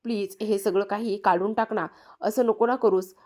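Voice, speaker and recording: A woman's voice: mid-range voice, fairly even intonation, normal speed, darkish tone, lightly acted. A woman reading a greedy sneaky young thief. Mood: pleading. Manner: read as quoted lines within a narrated recap.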